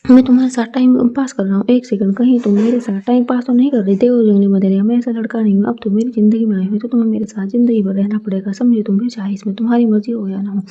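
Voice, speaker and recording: A woman's voice: a little high, fairly even intonation, fast, few pauses, mellow, natural voice. A woman voicing a possessive, teasing young man in love in a storybook reading, with a mock-stern, playful manner and a dull lo-fi sound. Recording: dull lo-fi recording.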